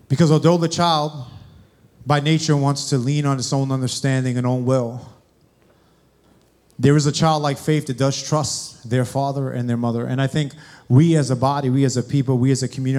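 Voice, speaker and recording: A man's voice: mid-range voice, darkish tone. A young man preaching a sermon, addressing the congregation directly with questions. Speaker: guest preacher.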